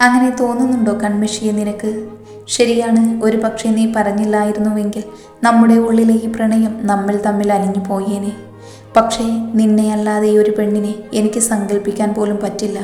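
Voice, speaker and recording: A woman's voice: mid-range voice, level tone, normal speed, dark tone, roomy sound, faint music behind, lightly acted. A woman reading as Rudran, a devoted young lover. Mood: tender. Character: devoted young man, tender and teasing.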